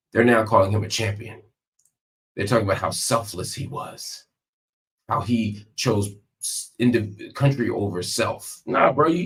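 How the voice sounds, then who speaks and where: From a hospital room, a man hosts live political commentary, addressing his viewers directly. His voice sits on the low side, and he talks emphatically and conversationally, repeating himself for effect.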